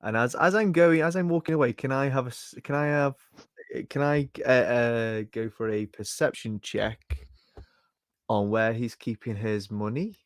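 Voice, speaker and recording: A man's voice: medium pitch, fairly even intonation, moderate pace, no echo, clean studio sound. A man playing a tabletop game, talking casually with a playful, sarcastic edge. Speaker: player.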